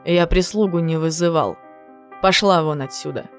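A woman voicing a remorseful young wealthy man who speaks low and hushed, pleading. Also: fairly even intonation, moderate pace, faint music behind, lightly acted. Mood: cold.

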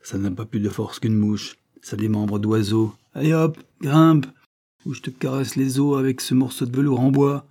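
A man's voice: mid-range voice, monotone, moderate pace, few pauses, mellow, natural voice. A man voicing a brutal, bullying male fairground acrobat master who barks sneering orders. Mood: sneering, furious.

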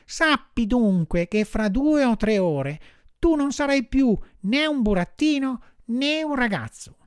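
A man voicing a kind little female marmot in an audiobook, speaking in a soft, sorrowful, consoling way. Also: very high-pitched, lively intonation, takes it slowly, clear, resonant tone, dry recording, studio quality, voice pushed up, full character voice.

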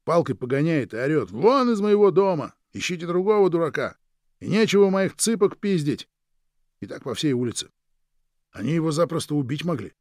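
A man voicing a worldly man who tells stories in a lively, animated way in a storybook reading. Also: medium pitch, quick pace, dry recording, clean studio sound, close to an everyday voice.

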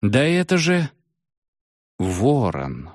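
A man voicing a scared, rude seventh-grade schoolboy in an audiobook, shouting in a frantic panic. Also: medium pitch, huge pitch swings, very slow, no room sound, studio quality, full character voice. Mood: anxious. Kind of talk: audiobook character voice.

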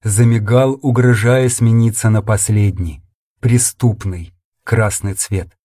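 A man's voice: lowish voice, steady tone, takes it slowly, dark tone, no echo, studio quality. A man reading a first-person sci-fi audiobook in an intense, dramatic storytelling manner. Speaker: audiobook narrator.

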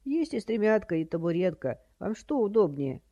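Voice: mid-range voice, sing-song, normal speed, dark tone, lo-fi sound, pitched above the performer's own voice. A narrator voicing a feeble old woman who plays senile, with a quavering, doddering voice and a fussy, dithering manner.

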